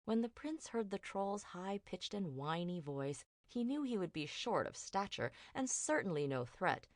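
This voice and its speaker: A woman with a low voice narrates a fairy tale audiobook at a measured storytelling pace. She reads into a close studio mic. The sound is dry, with no room around it. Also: expressive, no echo. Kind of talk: scripted narration.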